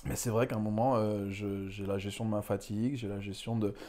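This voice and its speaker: A man's voice: lowish voice, level tone, fairly quick, dark tone. A young man from Ghana, a manga author, talking candidly and reflectively in an interview, rambling with frequent filler asides. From Ghana, West Africa.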